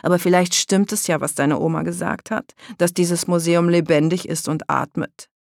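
Tom, a loud sneering boy, as the reader puts him on. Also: mid-range voice, steady tone, normal speed, gravelly, dry recording, clean studio sound, natural voice. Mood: taunting. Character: mocking teenage boy, a scornful tease. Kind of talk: audiobook character reading.

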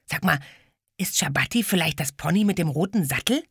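A woman voicing a curious, plucky young boy who asks lively questions. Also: deep voice, fairly quick, husky, dry recording, studio quality, heavily acted.

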